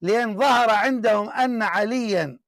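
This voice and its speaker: A man hosting a heated religious debate, confrontational and repeating his demands, often shouting. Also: sits high, moderate pace, vocal fry, no echo. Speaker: debate show host.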